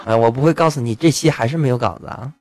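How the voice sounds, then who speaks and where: Guy hosting his own podcast, goofy and self-mocking, chuckles through his lines, mid-pitched voice, soft music behind. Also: quick pace. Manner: playful and self-mocking, often laughing mid-sentence. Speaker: podcast host. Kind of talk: unscripted comic monologue. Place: home, recording alone at night.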